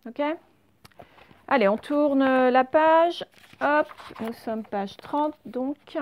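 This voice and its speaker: Une enseignante qui fait une leçon d'orthographe pour enfants, lente et patiente, qui répète chaque mot deux fois. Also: female voice, high voice, dull audio. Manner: slow, patient, repeats each word twice. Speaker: teacher. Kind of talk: spelling lesson read to children.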